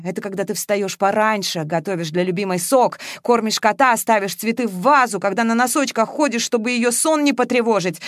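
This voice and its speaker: A woman's voice: medium pitch, dry recording, close to an everyday voice. A wounded, jealous man hurls reproaches at the woman he loves, voiced by a woman reading an audiobook. The lines come out raised and heated, in a dry, close recording with no room sound. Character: angry jealous man, hurt lover.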